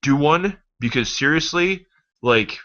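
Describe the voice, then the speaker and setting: A man giving a casual motivational pep talk, rambling and animated, swearing freely. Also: fairly high pitch, unhurried. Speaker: motivational vlogger. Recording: dull lo-fi recording.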